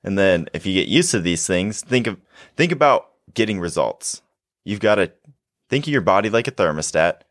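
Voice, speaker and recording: A young man with a very deep voice talks in a relaxed, reflective way. He works through his ideas with analogies, as a podcast host would. The sound is dry and close. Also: moderate pace, no echo. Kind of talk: casual podcast chat.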